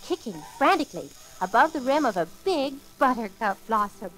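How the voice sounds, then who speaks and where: A woman narrating a children's story for an old record in a sweet, gently theatrical way, talking kindly to a little elf. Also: fairly high pitch, very animated, moderate pace, poor audio. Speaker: storyteller and host.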